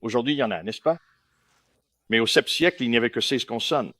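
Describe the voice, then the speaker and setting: A man's voice: medium pitch, lively intonation, quick pace, a bit bright, no room sound, studio quality. A man from India giving a lecture to a live audience, emphatic, often stopping to check that listeners follow.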